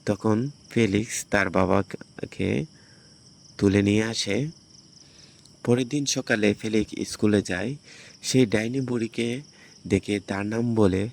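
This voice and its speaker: A man's voice: fairly low pitch, vocal fry. A man narrates the story of a film as a movie recap.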